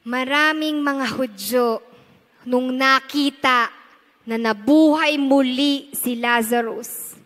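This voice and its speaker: A Filipino woman pastor preaches with a high, bright voice, switching between Tagalog and English. She swings between loud emphatic lines and hushed, intense ones. Her sermon carries a long reverb from a large church hall. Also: slow.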